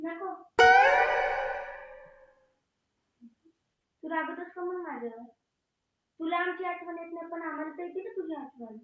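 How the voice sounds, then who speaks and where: A woman's voice: extremely high pitch, a little fast, reverberant, narrow, tinny audio, faint music behind. A woman playing a sulky pleading niece. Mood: hurt. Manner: calling out, reproachful. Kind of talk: amateur family comedy drama.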